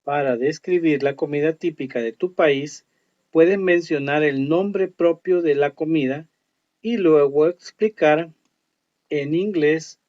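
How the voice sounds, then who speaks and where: A man teaching an online English lesson, explaining slowly and reading English words with care. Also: a little high, a little mellow. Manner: slow, explanatory, reads English words carefully. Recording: dull lo-fi audio.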